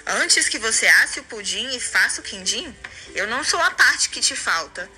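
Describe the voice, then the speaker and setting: Woman as a firm, bright-voiced talking puzzle piece. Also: fairly high pitch, very animated, normal speed, faint music behind, heavily acted. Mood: firm refusal. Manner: firm, assertive. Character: self-possessed, independent piece that speaks for itself. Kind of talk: storybook character voice.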